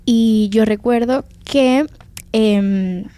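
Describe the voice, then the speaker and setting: A woman's voice: a little high, drawn-out words, dark tone, dry recording. A young woman from Venezuela with a Venezuelan Spanish accent, telling her faith testimony as a guest in an earnest, confiding way.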